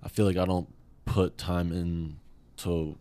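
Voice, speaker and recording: A young man chatting casually as a podcast guest, rambling with lots of fillers and trailing off quietly. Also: deep voice, little pitch movement, slow. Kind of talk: casual chat.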